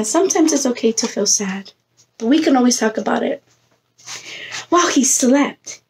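This high-pitched, slightly mellow voice belongs to a preschool teacher in her thirties, expressively reading a picture book aloud to little children and prompting them with questions. She's indoors in front of a plain textured wall.

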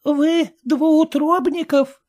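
Elderly woman, voiced by a man, solemn, stately, slow, high-pitched, mellow timbre, storybook reading. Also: fairly even intonation, full character voice. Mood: dismayed. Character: solemn elderly woman visitor, stern and grave.

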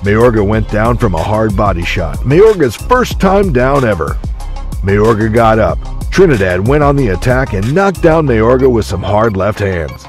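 Lively male sports recap narrator. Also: lowish voice, a little slow. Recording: faint music behind a voice-over. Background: faint music.

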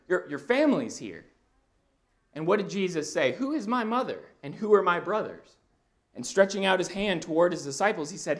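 A man in his thirties preaches in an animated, conversational way, moving about a church stage. His slightly high voice swings widely in pitch. He talks into a body mic in a church auditorium. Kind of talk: sermon. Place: church auditorium with a projection screen.

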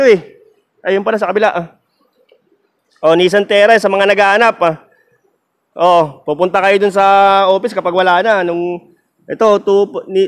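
A man with a Filipino accent vlogging a casual walk-through of a used car lot, joking and chatty, with a sore throat. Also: sits high. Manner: joking, chatty, laughs often.

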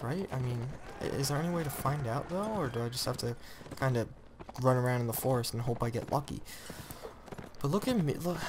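A teenage boy narrates his own gameplay in a rambling, excitable way, constantly restarting and correcting his sentences. His voice sits at an ordinary middle pitch. A faint hiss of noise sits under the recording. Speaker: gamer. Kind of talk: let's play commentary.

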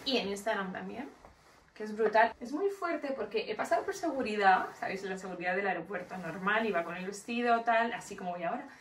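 Excitable Spanish woman vlogger. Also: medium pitch, brisk, a little hiss or hum. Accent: Spain Spanish. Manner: chatty, excitable, laughs often. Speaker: lifestyle vlogger. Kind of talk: casual vlog chat to camera.

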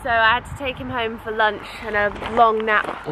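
A woman's voice: a little high, fairly even intonation, normal speed, very noisy. A young woman and mother chatting casually and playfully outdoors for a family vlog, teasing herself as she goes. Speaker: vlogger, mother. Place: outdoors on a walk.

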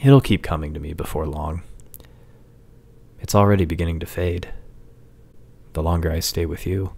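A man's voice: low voice, normal speed, vocal fry, darkish tone, slightly rough, exaggerated voice. A man voicing a tiny, devoted husband with a casual, reassuring manner.

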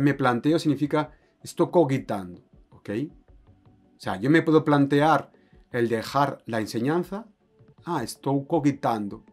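Slow-talking man teaching Spanish. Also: mid-range voice, darkish tone. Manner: explains slowly, checks with "ok?". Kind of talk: online language lesson.

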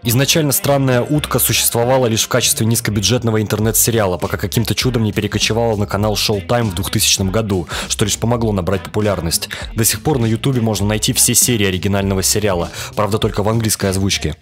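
A young Russian man voices a scripted cartoon review with a wry edge, speaking fast in a steady, lowish voice and barely pausing. Music plays underneath.

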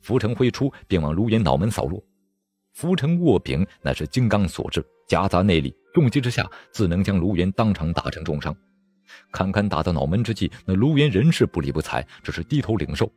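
Guy reading a wuxia novel, deep husky voice, really lively delivery. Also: brisk. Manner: dramatic, expressive storytelling. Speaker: audiobook narrator.

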